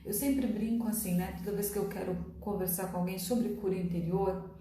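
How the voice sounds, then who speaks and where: A woman's voice: medium pitch, fairly even intonation, a little fast, mellow, slight background noise. A woman pastor with a Brazilian Portuguese accent preaching a livestream sermon, earnest and emphatic, repeating key words and acting out prayers. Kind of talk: livestream sermon on inner healing. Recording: echoey room, voice from a distance.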